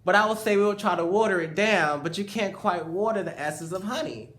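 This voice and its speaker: A man's voice: high voice, a little fast, a bit bright. A man hosting a casual chat, speaking reflectively, with loose phrasing and many fillers. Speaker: host.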